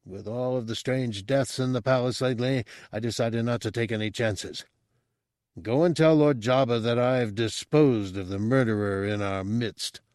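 A scheming, tentacle-faced alien crime boss talks in a subdued, guarded voice, quieter and a little lower than the narration, as a man acts him out. He is wary and fearful, a non-human figure in an audiobook. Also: normal speed, dry recording, studio quality, close to an everyday voice. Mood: curt.

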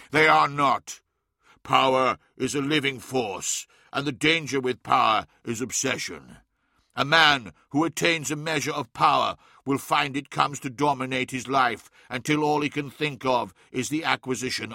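A man's voice: medium pitch, creaky, bright, forceful tone, dry recording, studio quality. A man voicing an all-powerful godlike emperor who speaks in grave, commanding proclamations.

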